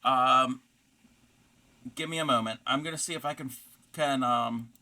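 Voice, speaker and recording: Bright-voiced man hosting a casual craft livestream. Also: medium pitch. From North America. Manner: distracted, halting, reads chat messages aloud. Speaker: livestream host of a craft channel. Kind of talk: casual livestream chat while crocheting.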